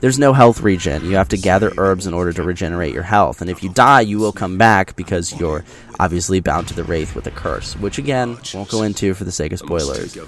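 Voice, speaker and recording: A man's voice: deep voice, animated, fairly quick, slight background noise. A man talking casually through his impressions of a video game, explaining things directly to viewers in a conversational way. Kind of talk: casual scripted-free game impressions commentary over gameplay.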